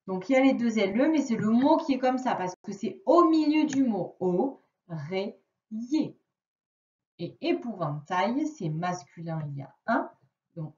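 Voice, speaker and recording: A woman teaching a child a reading and spelling lesson, speaking slowly and drawing out each word to dictate. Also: on the high side, darkish tone. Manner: slow, careful, drawing out words to dictate. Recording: echoey room, distant mic, dull sound.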